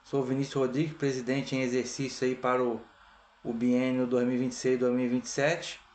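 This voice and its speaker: A Brazilian man presiding over an association meeting, opening it in a measured, formal way with frequent "tá?" tags. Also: mid-range voice, completely flat delivery, a little mellow. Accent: Brazilian Portuguese. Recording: echoey room.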